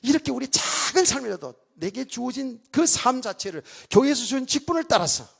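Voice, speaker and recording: A man's voice: very high voice, big pitch swings, fairly quick, vocal fry, slightly rough. A middle-aged man preaching a sermon as pastor in a church, talking casually with the congregation and joking in asides. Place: church sanctuary.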